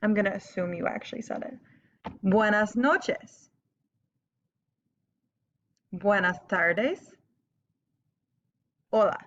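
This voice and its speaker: A woman teaching a recorded online lesson in a casual, upbeat way, slowing down to model words for students to repeat. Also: on the high side, a little hiss or hum. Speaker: Spanish teacher. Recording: slightly dull lo-fi audio.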